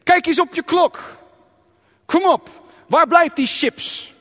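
A man's voice: very high-pitched, slow pace, a bit bright, voice pushed up, exaggerated voice. A man voicing his own hungry body as a pushy, nagging figure within a sermon. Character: the preacher's own craving body, demanding and whiny. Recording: long reverb of a hall.

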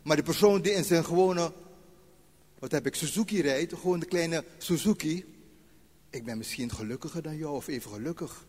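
A retired man in his sixties preaching a sermon, dropping to quiet asides and slowing down when he reads scripture. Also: fairly high pitch, slightly rough, big-room sound. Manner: varies loudness widely, slows for scripture.

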